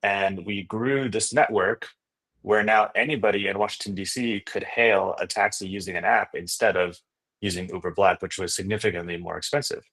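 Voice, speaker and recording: A startup founder and investor from Indonesia, a native Indonesian speaker, talks as a podcast guest in a casual interview, telling his story with enthusiasm and regularly checking in with "you know" and "right?". His voice is on the low side, steady and fairly bright, at a normal speed.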